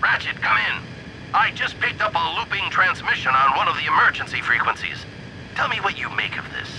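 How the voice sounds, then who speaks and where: Confident hero buddy on a noisy radio, bright and high. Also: male voice, big pitch swings, a little fast, exaggerated voice. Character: confident heroic male comrade on radio.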